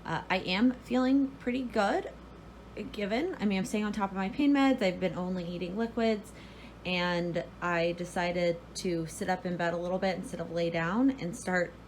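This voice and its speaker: Low-pitched American woman vlogging casually. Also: moderate pace, a little hiss or hum, low-quality recording. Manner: rambling, informal, self-correcting. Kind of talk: casual vlog chat. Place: indoors at home.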